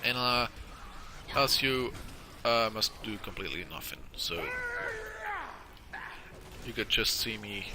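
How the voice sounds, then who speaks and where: A man giving casual, halting video game walkthrough commentary, crowded with uhs, sounding stuffed up from tissue in his nose. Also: on the low side, noisy background. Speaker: gameplay video host.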